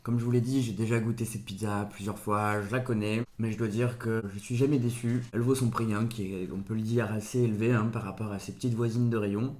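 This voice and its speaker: A man with a warm, medium-pitched voice hosts a casual food-tasting vlog at the table in his home. As a food reviewer, he's playful and full of puns, handing down mock-solemn verdicts. The recording has a roomy echo.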